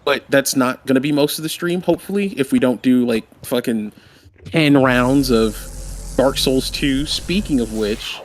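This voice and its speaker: Hosting his livestream at a moderate pace, a mid-range-voiced man in his twenties from Maryland rambles in a relaxed way. He thinks out loud and repeats himself while handling the setup.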